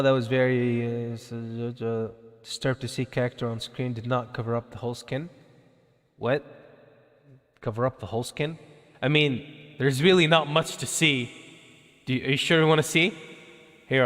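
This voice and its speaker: A man of middle pitch talks loosely to his stream chat while he explains scripture, rambling and correcting himself as he goes. He breaks into laughter often. His voice rings with a long reverb tail. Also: fairly bright tone. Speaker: VTuber streamer. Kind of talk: casual livestream chat explaining Quran verses.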